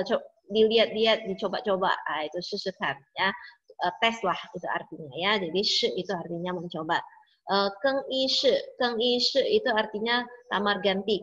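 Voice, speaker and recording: A woman's voice: medium pitch, fairly bright tone. A woman teaching an online language class, explaining each word patiently and repeating drill words three times. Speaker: Mandarin teacher. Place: home, online video class. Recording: slightly dull lo-fi audio.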